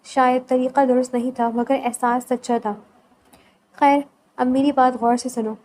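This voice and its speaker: A woman reading aloud the lines of an earnest young husband in a novel, soft and reassuring. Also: sits high, little pitch movement, a little hiss or hum, lightly acted, rough recording.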